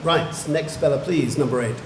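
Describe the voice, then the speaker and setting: A man acting as spelling bee pronouncer, saying each word slowly and carefully, then reading its definition and an example sentence. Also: fairly high pitch, a crowd in the background. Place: large museum hall. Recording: echoey hall, faint room noise.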